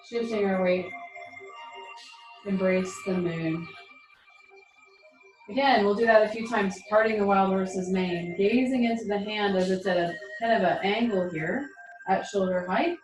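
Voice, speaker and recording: A woman leading a tai chi class, giving spoken movement cues in an encouraging, reassuring and informal way. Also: medium pitch. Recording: roomy echo, music behind.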